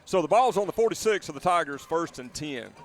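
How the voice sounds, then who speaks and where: A man giving color commentary at a live high school football game, conversational and prone to restarting his sentences. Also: expressive, fairly quick. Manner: conversational, repeats words as he restarts.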